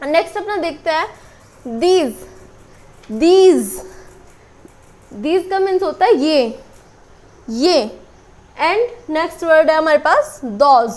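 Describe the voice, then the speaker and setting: ऊँची आवाज़ वाली महिला शिक्षक. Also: female voice, sits high, lively intonation. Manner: explains slowly, repeats words with many fillers. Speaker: English teacher. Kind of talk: casual spoken lesson. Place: small room with a board. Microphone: camera on a tripod.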